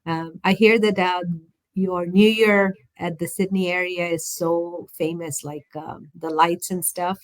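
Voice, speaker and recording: A woman's voice: fairly low pitch, steady tone, unhurried. A woman hosting an online interview over a video call, upbeat and chatty with many fillers. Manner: upbeat, lots of fillers and laughs. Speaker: host. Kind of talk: casual interview chat. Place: home.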